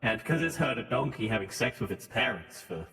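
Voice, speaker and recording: Through a voice modulator, a man with a British accent that drifts toward American jokes and swears his way through casual podcast banter as co-host. His mid-range voice is animated, forceful and bright, a little fast, with soft music underneath and a long, echoey reverb on the voice.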